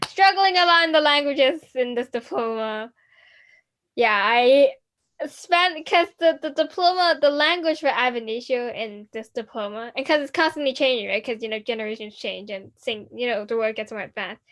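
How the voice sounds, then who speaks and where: A teenage girl from Hong Kong co-hosts a student podcast, chatting casually in a fairly high, fairly bright voice at a moderate pace. She rambles, restarting often and leaning on fillers.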